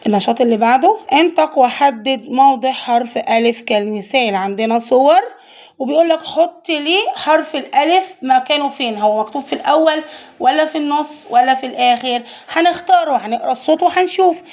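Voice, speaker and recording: A woman's voice: high voice, brisk, darkish tone, muffled recording. A woman with an Egyptian Arabic accent teaching young children to read, patiently sounding out letters and praising them. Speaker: primary school teacher. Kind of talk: children's reading lesson.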